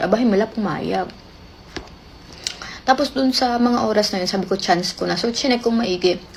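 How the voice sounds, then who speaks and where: A woman's voice: medium pitch, gravelly, slight background noise. A woman telling a rambling personal story in casual chat, chatty and full of fillers. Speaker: caller sharing a relationship story.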